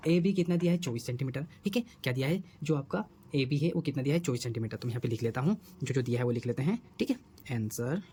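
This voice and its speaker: A male teacher walks students through a math problem at a brisk clip. His voice sits slightly high, and he coaxes them with repeated questions that he then answers. A faint hum sits under the recording. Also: a little mellow. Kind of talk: whiteboard math lesson.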